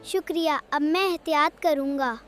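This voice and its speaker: A woman with a high, fairly bright voice plays a cheerful, helpful young boy vegetable in a children's cartoon moral story. She delivers the dialogue in an earnest, encouraging way over soft background music.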